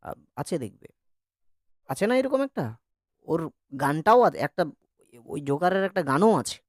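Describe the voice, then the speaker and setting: Lively male teacher drilling vowel sounds. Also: a little high, measured pace, dry recording, studio quality. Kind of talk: online grammar class.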